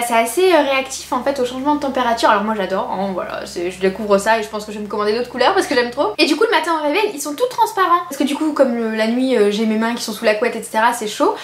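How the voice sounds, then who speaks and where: A woman vlogger chatting casually about beauty products she bought, with many fillers and restarts. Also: fairly high pitch. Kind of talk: casual beauty haul chat. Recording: echoey room with faint noise.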